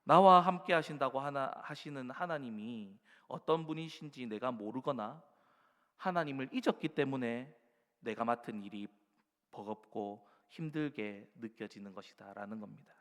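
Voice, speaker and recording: A man's voice: mid-range voice, moderate pace, a bit bright. A male pastor preaches a sermon, exhorting the congregation and acting out the words of doubting believers. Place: church sanctuary. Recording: reverberant church hall.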